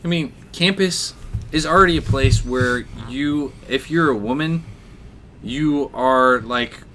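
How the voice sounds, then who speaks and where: A man co-hosting a satirical podcast, talking earnestly with frequent fillers and halting starts. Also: medium pitch, sharp tone, a little hiss or hum. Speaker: podcast co-host.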